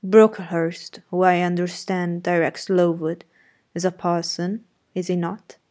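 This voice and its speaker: Casting: a woman doing an imperious, sardonic master of the house for an audiobook; low-set, clipped and commanding. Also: little pitch movement, a little slow, dark tone, natural voice. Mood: brusque, commanding. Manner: curt, imperious, sardonic questioning. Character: brusque commanding gentleman, middle-aged master of the house. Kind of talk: audiobook character reading.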